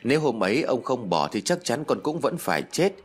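A man's voice: medium pitch, sing-song, a little fast, slightly rough. Man doing a vengeful little ghost boy. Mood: resentful. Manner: childish, sulky, reproachful.

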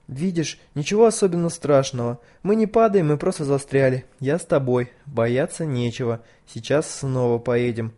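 A man voicing a soothing, unhurried old man who talks in a measured, homely way. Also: mid-range voice, mellow, lightly acted.

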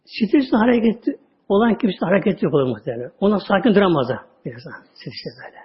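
A man giving a religious talk, telling stories with drawn-out words and sudden drops to a low voice. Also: expressive. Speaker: religious teacher. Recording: dull lo-fi audio recording.

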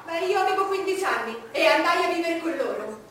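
An actress playing an imperious, lustful, proud queen in a theatrical stage monologue, haughty and declamatory, with deliberate dramatic pauses. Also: very high-pitched, animated. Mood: dramatic recounting. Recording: echoey theatre, distant noisy mic.

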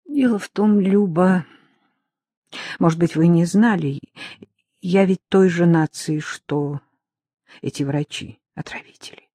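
A reader voicing Irina Mikhailovna, a weary, frightened educated woman who speaks in a cold, hard, hushed voice, in an audiobook. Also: medium pitch, slow, pauses often, dry recording, studio quality.

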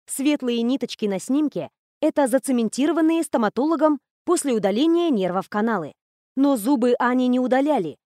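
A woman narrating a story in the first person with even, lively storytelling. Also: high voice, no room sound, studio quality. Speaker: audiobook narrator.

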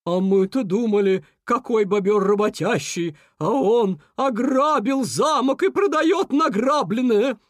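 A storyteller voicing an indignant male elk who exclaims loudly and scornfully. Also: mid-range voice, unhurried, hardly any pauses, no room sound, studio quality, pitched above the performer's own voice, lightly acted.

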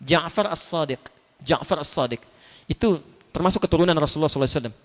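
A man preaching a sermon, telling stories and acting out the dialogue with big swings in his voice. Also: fast. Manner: animated storytelling, acts out dialogue with big pitch swings. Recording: reverberant hall.

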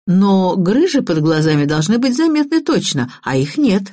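A woman's voice: medium pitch, big pitch swings, normal speed, warm tone, dry recording, studio quality, pitched above the performer's own voice. A woman reading the part of a confident young male tech expert in an audiobook, speaking firmly and decisively.

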